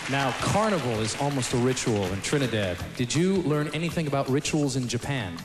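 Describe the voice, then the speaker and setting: A man's voice: medium pitch, animated, brisk. A man interviewing contestants live on stage as a pageant host. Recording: echoey stage, loud music and crowd.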